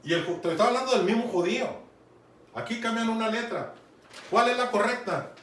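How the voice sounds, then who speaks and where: A man's voice: very high-pitched, brisk, fairly bright tone. A man preaching a sermon in a conversational teaching manner, often checking in with his listeners. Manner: conversational teaching, keeps asking "¿sí?" and urging "fíjate bien". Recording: echoey room, mic far off, some noise.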